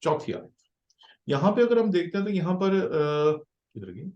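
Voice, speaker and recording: A male pastor teaching Biblical Hebrew in a slow classroom lecture, patiently repeating words syllable by syllable. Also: high-pitched, expressive, darkish tone, highs cut off. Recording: roomy echo.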